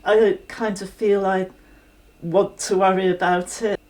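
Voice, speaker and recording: A woman's voice: mid-range voice, little pitch movement, measured pace, darkish tone. Chatty middle-aged woman talking about home. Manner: chatty, lots of "you know" and restarts, plain-spoken. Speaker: interviewee, resident. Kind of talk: casual conversational interview.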